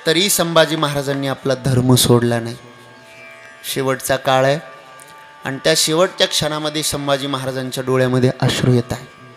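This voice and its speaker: A young man delivers a devotional kirtan sermon in a high, ringing voice. He drops to quiet asides, then builds to shouted peaks. Faint music sits behind him. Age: young adult. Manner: chants refrains, swings from soft asides to shouted climaxes. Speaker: kirtan preacher.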